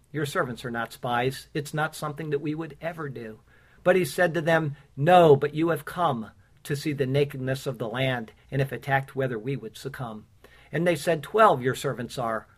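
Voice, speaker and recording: A pastor preaching a sermon with casual asides and fillers, who reads his own rhymed Bible poem in a measured cadence. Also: mid-range voice. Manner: earnest, recites rhymed verse in a measured cadence.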